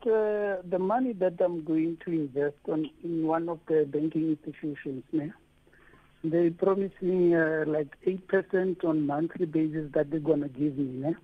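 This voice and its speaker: A South African man calling in to a radio show over a phone line, asking hesitant, halting questions. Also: a little high. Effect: heard over a phone line. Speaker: radio caller.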